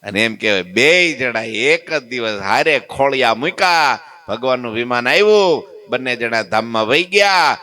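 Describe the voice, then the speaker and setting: Bright, clear-voiced man telling temple stories. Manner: animated storytelling, acts out dialogue with big pitch swings. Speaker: temple katha preacher. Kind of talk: devotional story sermon. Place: temple hall.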